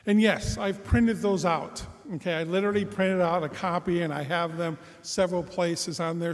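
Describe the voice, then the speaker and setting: High-voiced man preaching under cathedral echo. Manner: conversational, self-deprecating humor with fillers. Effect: cathedral echo, long church reverb. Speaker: homilist. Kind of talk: gospel reading and homily. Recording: long reverb in a large church.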